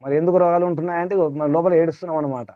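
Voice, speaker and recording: Racing through his words with a steady tone, a spiritual teacher addresses a small group in a somewhat raised voice, repeating phrases and firing rhetorical questions at his listeners. His voice comes through a thin, phone-like channel that sounds dry and close.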